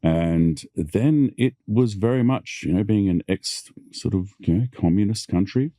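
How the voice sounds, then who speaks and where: A man's voice: fairly low pitch, a little slow, no echo, clean studio sound. A businessman as a podcast guest, talking about work in an easygoing way. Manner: easygoing, relaxed, many fillers. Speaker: guest, family business executive. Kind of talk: casual interview chat.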